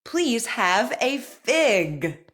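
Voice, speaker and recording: A woman leading an articulation drill as a speech teacher, over-enunciating practice sentences in a careful, deliberate, encouraging manner. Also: a little high, very animated, fairly bright tone.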